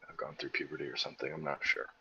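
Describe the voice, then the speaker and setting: A man's voice: extremely low pitch, flat delivery, racing, pushed and bright, breathy edge, highs cut off. A tired-sounding man co-hosting a casual livestream, joking and sarcastic. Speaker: co-host.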